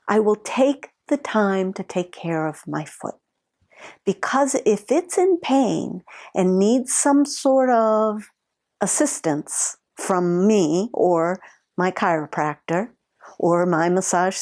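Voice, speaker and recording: Slow, calm woman teaching body awareness. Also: mid-range voice. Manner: slow, deliberate, gently demonstrative. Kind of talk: calm instructional talk with personal story.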